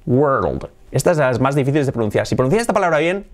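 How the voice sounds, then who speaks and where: A man teaching English pronunciation in an animated, playful way, exaggerating his demonstrations. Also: mid-range voice, rapid-fire. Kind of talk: energetic online English lesson.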